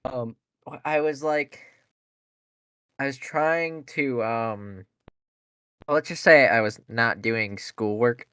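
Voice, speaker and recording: A man's voice: mid-range voice, slow, long pauses, fairly bright tone, clean tone, dry recording. A young man hosting a podcast, telling a rambling, profane story in a casual chat and laughing along. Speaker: podcast host.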